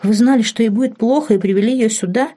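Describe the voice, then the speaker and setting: A woman's voice: fairly high pitch, normal speed, warm tone, breathy edge, voice pushed up. A woman voicing a flustered young woman. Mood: desperate. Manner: pleading, flustered. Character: bewildered kind young woman.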